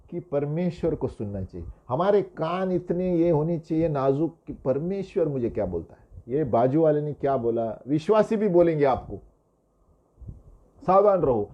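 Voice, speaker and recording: A man preaches in a relaxed, conversational teaching style, often tagging his points with quick questions to the listeners. His voice sits somewhat high for a man. The recording is dull and lo-fi. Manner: acts out quoted dialogue. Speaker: pastor. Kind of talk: sermon teaching. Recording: dull lo-fi sound.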